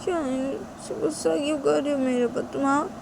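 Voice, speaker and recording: A woman voicing a gentle young woman who coaxes her angry partner, repeating little questions. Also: sits high, steady tone, normal speed, vocal fry, noisy background, voice pushed up. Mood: pleading. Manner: coaxing, repeats "kya hai?" and "haan?". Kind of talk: amateur storytelling role-play.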